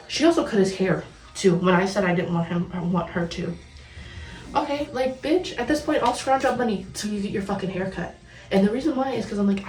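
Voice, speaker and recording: A woman's voice: medium pitch, a little mellow. Sarcastic young woman ranting, roomy and distant. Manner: blunt, sarcastic, swears a lot, laughs bitterly. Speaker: vlogger. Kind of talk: casual storytime rant. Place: at home, dyeing her hair. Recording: roomy, distant from mic, faint music behind.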